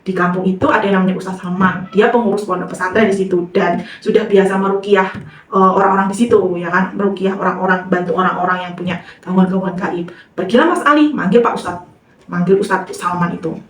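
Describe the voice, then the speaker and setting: A woman retelling a horror story in a lively way, acting out the characters' voices, recorded with a roomy sound from a distant mic. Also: mid-range voice, fast, slight background noise.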